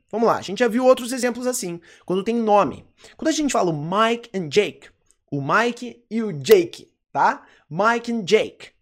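An English teacher with a Brazilian Portuguese accent gives a recorded lesson, repeating each word and often checking in with "ok?". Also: mid-range voice. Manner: slow, repetitive drilling with frequent "ok?" checks.

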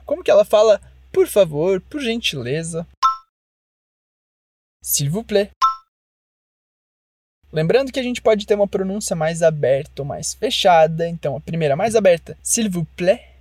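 A French teacher gives a language lesson, modeling phrases slowly and carefully so the listener can repeat them. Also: medium pitch, expressive, darkish tone, no room sound.

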